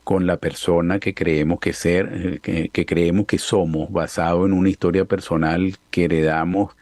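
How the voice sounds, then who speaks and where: A man interviewing a guest, building a long, measured question step by step. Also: deep voice, level tone, darkish tone, no room sound.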